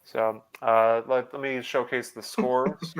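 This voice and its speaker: Smooth-voiced man hosting a trivia quiz. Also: mid-range voice, fairly even intonation, takes it slowly. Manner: hesitant, many fillers and restarts. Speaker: trivia host. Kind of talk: live online quiz hosting.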